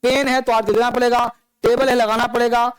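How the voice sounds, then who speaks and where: A man's voice: very high-pitched, little pitch movement, fast talker, clear, resonant tone, no echo, low-quality recording. A man teaching an English grammar class, speaking English, repeating points and asking the students questions. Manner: repetitive, coaxing, asks students questions. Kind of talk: classroom lecture.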